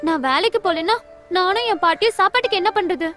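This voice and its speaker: An actress playing a proud young woman who picks rubbish for a living, talking back quickly and indignantly in film dialogue. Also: very high voice, fairly bright tone. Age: young adult. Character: spirited young slum woman, proud and shy. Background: film score music.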